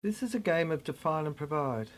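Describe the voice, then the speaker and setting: With a lively, mid-range voice, a performer works through a theatrical spoken-word monologue. The lines come in broken, halting fragments marked by dramatic swings.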